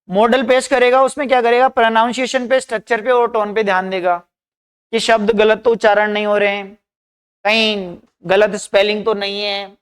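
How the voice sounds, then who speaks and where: Guy teaching exam prep in hindi, reads english lines slow then explains, smooth clear voice. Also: sits high. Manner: repeats "dhyan rakhiyega" and "bhai" often. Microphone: screen recording.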